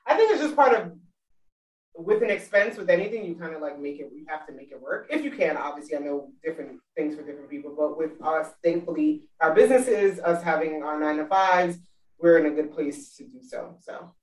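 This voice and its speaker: A woman and new mother chatting casually about family money, talkative and quick to laugh. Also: sits low, lively intonation, darkish tone. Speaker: guest, mother. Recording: roomy, distant mic.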